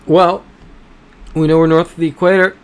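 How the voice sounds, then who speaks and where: A smooth, fairly high male voice with little pitch movement belongs to an American streaming a map-guessing game at normal speed. Chatting casually, he reads out viewer messages and works through the map clues behind his guesses.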